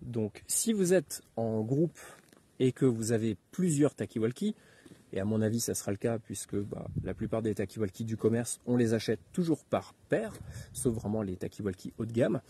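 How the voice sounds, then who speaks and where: A man giving an informal spoken tutorial as an instructor, talking haltingly with many hesitations and filler words. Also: lowish voice, warm tone, slightly rough. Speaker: instructor giving outdoor radio advice.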